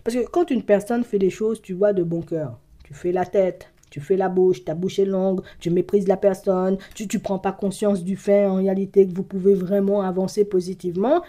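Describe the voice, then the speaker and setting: A woman giving a casual card reading to her viewers, animated and full of fillers, sometimes dropping into a whisper. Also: mid-range voice, moderate pace, few pauses. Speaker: card reader. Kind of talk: casual tarot-style reading to camera.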